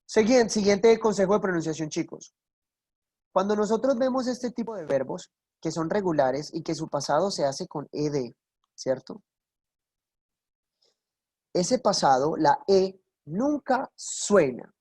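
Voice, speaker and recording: Coaxing her students along, this woman from Colombia explains English pronunciation in an online class, one step at a time and with many examples. She speaks expressively and a little slowly, with long pauses, in a warm, fairly low voice recorded close and dry with no room around it.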